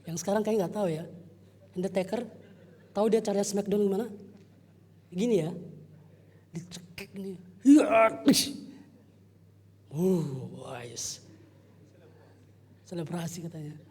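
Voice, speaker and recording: Husky-voiced man preaching in echoey hall. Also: high-pitched, moderate pace, long pauses. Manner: animated personal storytelling, joking with listeners. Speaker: youth preacher. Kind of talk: youth service sermon. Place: church hall.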